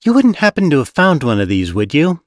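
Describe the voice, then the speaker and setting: A man's voice: on the high side, wildly swooping pitch, fairly quick, no echo, voice pushed up. A man voicing a haughty female demon baron with a dry, teasing, brochure-like manner. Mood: sly.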